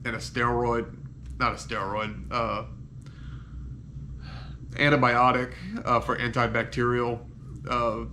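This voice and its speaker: A slow-speaking man gives a casual, unscripted recovery update in halting phrases that often trail off. He is in pain after surgery, on painkillers and stuffed up with a cold, with faint noise behind him. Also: medium pitch, little pitch movement, bright, forceful tone. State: congested from head cold and sinus trouble. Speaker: patient giving a recovery update. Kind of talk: casual personal video diary, unscripted.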